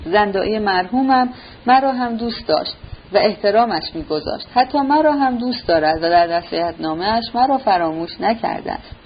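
A woman's voice: mid-range voice, slightly rough, lo-fi sound. A woman reading a sneering young nephew. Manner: sneering, loud and derisive. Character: scornful young man, mocking nephew.

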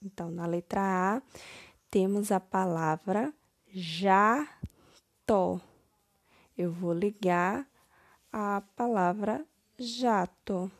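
A woman teacher, slowly correcting first-grade homework step by step, stressing each word. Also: mid-range voice, dry recording, studio quality.

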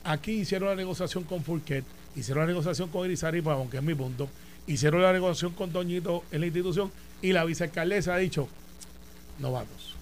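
A Puerto Rican man co-hosting a political talk show, telling a long story in a lively, animated way. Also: high-pitched, a little hiss or hum. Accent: Puerto Rican Spanish. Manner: animated storyteller, fast and talkative. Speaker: senator and show co-host. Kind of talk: casual political debate.

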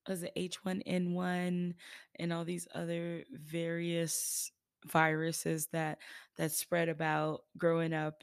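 A woman hosts her podcast as a chatty storyteller. Her pitch sits a little low, with noticeable vocal fry. The sound is close and dry, with no room echo. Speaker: podcast host. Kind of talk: casual chatty monologue, storytelling.

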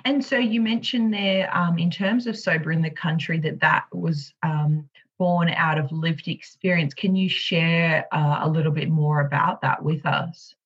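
Husky-voiced woman host with brief prompts. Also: deep voice, fairly even intonation, a little slow, muffled recording. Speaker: interview host. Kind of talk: interview questions.

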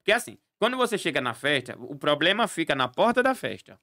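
Lively clown telling stories. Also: male voice, fairly high pitch, fast talker, no room sound, clean studio sound. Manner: animated storyteller acting out dialogue, laughing often. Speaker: clown and party entertainer. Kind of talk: podcast guest telling stories.

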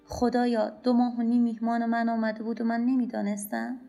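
A woman reads a short story in a calm, measured and introspective way. Her voice sits fairly high with a gravelly texture. Faint music plays under the narration. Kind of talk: scripted audiobook narration.

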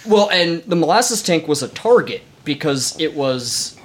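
Man, casual podcast storyteller, fairly high voice, filler-heavy. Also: animated, a little slow, husky. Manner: rambling storyteller with many fillers. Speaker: podcast co-host. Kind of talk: casual history chat.

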